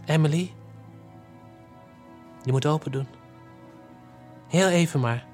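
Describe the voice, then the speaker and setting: A man's voice: fairly high pitch, slow pace, a little mellow, soft background music. Remorseful lovesick young man. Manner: pleading, confessional. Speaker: main character. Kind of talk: audio drama acting.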